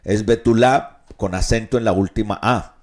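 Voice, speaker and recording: A man's voice: fairly low pitch, lively intonation, normal speed, a little mellow. A male pastor teaching the Bible on radio, explaining passages, asking rhetorical questions and repeating his points. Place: radio studio.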